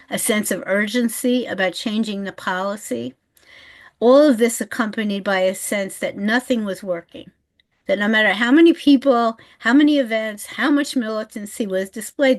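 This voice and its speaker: An older woman talks as a historian on a webinar panel over a video call. She speaks thoughtfully and in a measured way, restarting now and then, in an even, mid-pitched voice. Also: rough recording.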